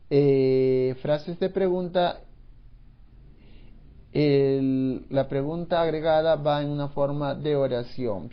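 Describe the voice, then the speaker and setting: A man teaching an English grammar lesson in Spanish, explaining slowly and repeating phrases, with English examples mixed in. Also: a little high, highs cut off.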